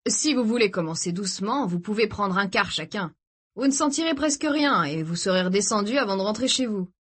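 A woman voicing a smooth, persuasive rich teenage boy in an audiobook. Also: medium pitch, expressive, a little fast, fairly bright tone. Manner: persuasive, easygoing.

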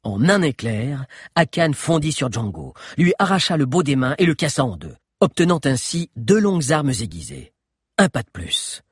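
A man narrating an adventure audiobook in an expressive storytelling manner. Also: medium pitch, normal speed, breathy edge, no echo, studio quality.

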